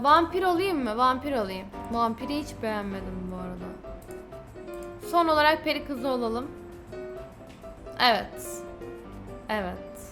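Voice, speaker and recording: High-voiced chatty woman gamer. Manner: chatty, reacts loudly and addresses viewers. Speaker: gaming YouTuber. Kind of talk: let's-play commentary of a story game.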